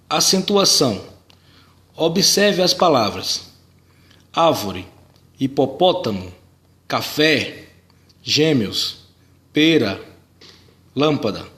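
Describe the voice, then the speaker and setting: A man's voice: fairly high pitch, a bit bright. A man narrating a scripted grammar lesson, carefully spelling out words and syllables. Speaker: teacher.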